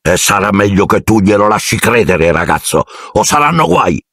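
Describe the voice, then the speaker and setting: A man's voice: fairly low pitch, sing-song, moderate pace, a bit bright, dry recording, clean studio sound, pitched above the performer's own voice, heavily acted. A man voicing an overbearing middle-aged uncle who growls and threatens, in an audiobook. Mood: menacing. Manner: gruff, blustering, threatening.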